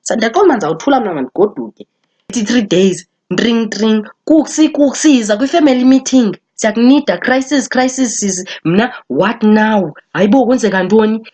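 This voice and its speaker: A woman's voice: mid-range voice, normal speed, slightly rough. A woman playing a dramatic, judgmental Xhosa mother gossiping in a comedy skit, with a Xhosa accent, as if chatting on the phone. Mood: dramatic, urgent. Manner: animated storytelling, code-switching between Xhosa and English.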